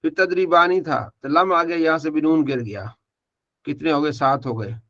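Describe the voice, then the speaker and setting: A man's voice: on the high side, normal speed, a bit bright, dull audio. A man teaching an online Arabic grammar class, asking questions and then answering them himself while he repeats verb forms in a drilling way.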